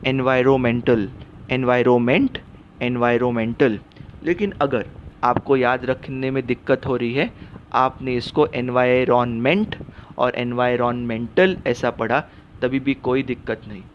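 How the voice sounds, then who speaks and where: A man's voice: mid-range voice, fairly even intonation, a little slow, muffled recording, a little hiss or hum. A man teaching English phonics in a mix of Hindi and English, spelling words letter by letter with patient explanations. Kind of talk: spoken phonics lesson.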